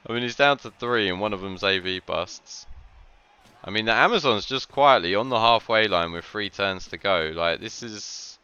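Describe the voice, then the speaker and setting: Guy casting a game match, deep crisp voice, rambles with like like like, kinda dull lo-fi audio. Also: moderate pace, sharp tone. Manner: rambling, lots of "like" fillers, frequent laughs. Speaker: game commentator. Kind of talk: casual game commentary.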